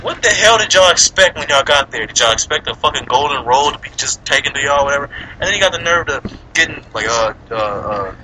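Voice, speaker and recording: A man tears into a movie in casual, profane chat, his bright, sharp voice swinging up and down as he laughs and mimics the characters. A faint hum of noise sits behind him. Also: a little high, lively intonation, brisk, poor audio. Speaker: movie reviewer.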